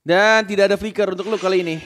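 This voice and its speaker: A man commentating live on an esports match like a fighting game announcer, excitable and rising to shouts in the fights. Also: sits high, quick pace, background noise. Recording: music under the commentary. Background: music.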